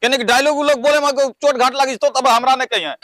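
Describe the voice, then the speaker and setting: A man's voice: very high-pitched, steady tone, a little fast, very noisy. A man playing a boastful village father and film superfan, talking in a brash, theatrical way. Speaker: comedy sketch performer. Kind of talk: rustic comedy skit.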